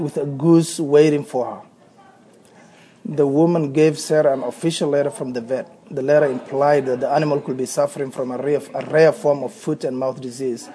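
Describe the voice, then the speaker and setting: A Somali man in his thirties, speaking with a Somali accent for an accent archive, reads a short passage aloud before talking freely, often hesitating and repeating words. His voice is mid-range and mellow, and the audio is poor.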